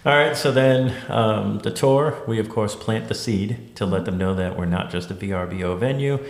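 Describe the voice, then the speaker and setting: A man's voice: lowish voice, normal speed. A man who runs a wedding venue, talking casually and telling stories in a group discussion. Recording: echoey room.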